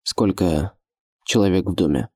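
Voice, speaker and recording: A man voicing a desperate hunted young fugitive in an audiobook, speaking low, hoarse and menacing. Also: measured pace, mellow, no echo, studio quality. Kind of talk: audiobook character voice.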